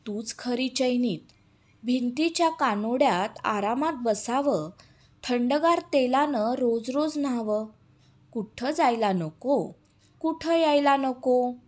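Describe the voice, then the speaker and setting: A woman's voice: a little high, a little mellow. A woman reading a children's poem, voicing a touchy, sorrowful female incense stick in a plaintive storybook voice.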